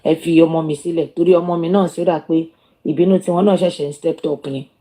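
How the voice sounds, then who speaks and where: A woman with a Yoruba Nigerian accent co-hosting a live stream, speaking in a calm and soothing way with a pleading tone. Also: low-pitched, quick pace.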